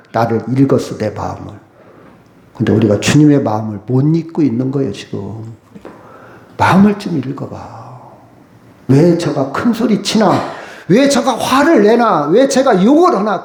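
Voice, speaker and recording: A man preaching a sermon as a pastor, with lively emphasis and frequent rhetorical questions. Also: fairly high pitch, unhurried, creaky, echoey room. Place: church sanctuary.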